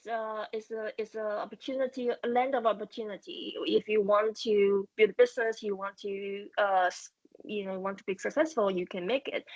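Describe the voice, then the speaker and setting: A middle-aged woman from Taiwan with a Taiwanese accent, a startup founder speaking as a guest in a fireside chat interview, halting, with many fillers and restarts. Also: on the high side, no room sound, highs cut off.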